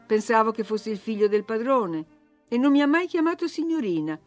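A woman's voice: a little high, animated, normal speed, soft background music, close to an everyday voice. A woman voicing a spoiled, imperious young girl who gives orders and grows indignant, in a storybook reading. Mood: haughty. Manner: bossy, indignant, whiny.

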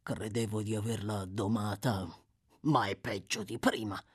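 The reader voices a rough, short-tempered male thief in an audiobook, grumbling bluntly. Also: medium pitch, animated, moderate pace, no echo, studio quality, close to an everyday voice. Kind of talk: audiobook character voice.

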